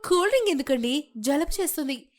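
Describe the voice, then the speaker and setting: A woman's voice: high voice, lively intonation, fast, voice pushed up. A woman voicing a naive, cheerful young daughter-in-law from a village who chatters eagerly.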